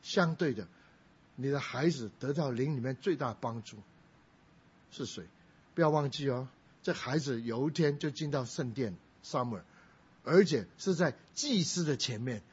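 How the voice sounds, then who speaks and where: Preaching a sermon, a middle-aged male pastor recounts a family story at normal speed, getting louder when he quotes others. His mid-range voice is expressive and darkish with a breathy edge, captured in a dull, lo-fi recording.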